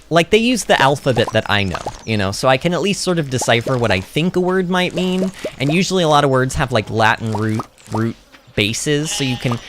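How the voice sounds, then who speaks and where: Playing a farming game on stream, this native English speaker chats loosely, responds to viewers, and speaks with lively emphasis. Their mid-range voice comes through over some background noise.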